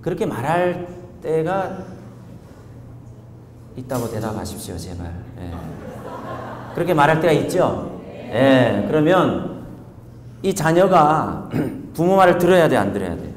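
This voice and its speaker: Animated male pastor in an echoey hall. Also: medium pitch, normal speed, a little hiss or hum. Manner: animated, keeps asking the congregation questions. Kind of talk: revival sermon. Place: church revival tent meeting. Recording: echoey hall with faint ambience.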